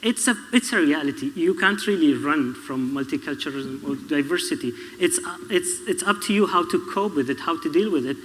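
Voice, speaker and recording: A man's voice: on the high side, animated, fairly bright tone, a little hiss or hum. Hesitant Syrian man on a panel. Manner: halting, many fillers and restarts. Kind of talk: public panel discussion. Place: public event hall. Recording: reverberant hall.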